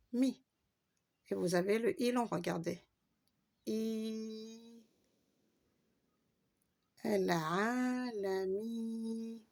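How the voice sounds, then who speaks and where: A woman's voice: medium pitch, creaky, dark tone. A woman giving a patient, step-by-step Arabic reading lesson, spelling out letters and stretching long vowels. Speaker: Arabic teacher.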